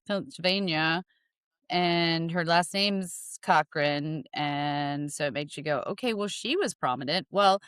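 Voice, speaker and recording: A woman's voice: fairly low pitch, fairly bright tone, clear, resonant tone, no room sound, studio quality. A woman co-hosting a podcast in casual chat, rambling and hesitant with many fillers and restarts. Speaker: podcast co-host.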